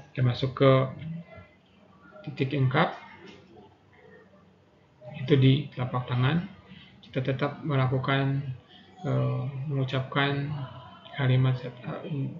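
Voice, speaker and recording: A man guiding an EFT tapping session, calmly repeating prayer affirmations and instructions in an echoey room. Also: medium pitch. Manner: calm, repetitive guiding voice, says prayer affirmations. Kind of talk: guided tapping practice with spoken prayers. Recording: echoey room, dull lo-fi sound, clear background noise.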